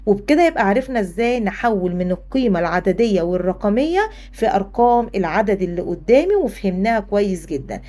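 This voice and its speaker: A woman's voice: mid-range voice, fast. A woman with an Egyptian accent teaching a primary school math lesson, speaking straight to the pupil and acting out the pupil's answers. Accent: Egyptian Arabic. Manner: lively, talks to the pupil, voices the pupil's replies.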